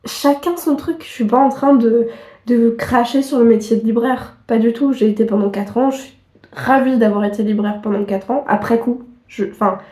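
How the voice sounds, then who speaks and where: Young woman, sniffly cold, self-mocking chat, fairly high voice, mellow tone, echoey room. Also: fairly even intonation, normal speed. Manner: chatty, self-mocking, many fillers and laughs. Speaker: vlogger. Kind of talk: casual chat to camera.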